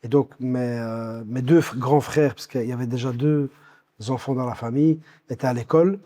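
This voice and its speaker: A Belgian-born man in his fifties, recounting his life story as an interview guest, with many pauses and restarts. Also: mid-range voice, steady tone, dark tone. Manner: hesitant, many fillers and restarts.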